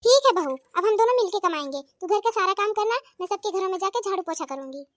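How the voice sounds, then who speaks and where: A woman voicing a weary, scolding old village mother-in-law who calls out loudly and nags. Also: very high voice, animated, fast, dry recording, clean studio sound. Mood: stern. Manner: nagging, calling out loudly.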